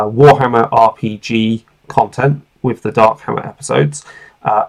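A man's voice: on the low side, creaky, low-quality recording. A man around forty hosting a casual podcast, talking in an informal, rambling way and swearing freely. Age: late 30s to 40s. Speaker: podcast host.

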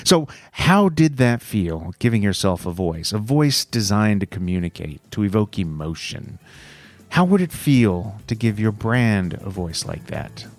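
A man's voice: on the low side, very animated, a little slow, dry recording. A man giving scripted, playful narration in a theatrical radio voice that speaks straight to the listener. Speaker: show segment narrator.

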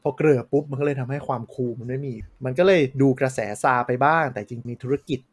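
A man's voice: mid-range voice, fairly even intonation, fast. A man co-hosting a podcast in casual chat, frankly explaining things with examples. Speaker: podcast co-host.

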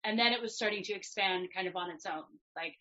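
A woman speaks in a reflective, conversational way, choosing her phrases with care. Her voice is bright and clear-edged at a middle pitch. The recording is a little dull and band-limited. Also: fast talker. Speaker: podcast guest and herbal business co-founder.

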